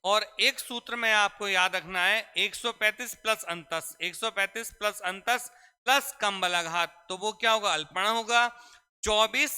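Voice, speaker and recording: A man's voice: sits high, moderate pace, sharp tone, clear, resonant tone. A man teaching a classroom grammar lesson, repeatedly asking questions and answering them himself. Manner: repetitive call-and-response questioning. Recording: echoey hall reverb.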